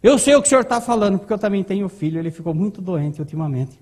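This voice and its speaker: A man's voice: sits high, expressive, rapid-fire, darkish tone. A man voicing a nervous armed male robber who pleads urgently in a retold story. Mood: calm persuasive. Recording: long hall reverb.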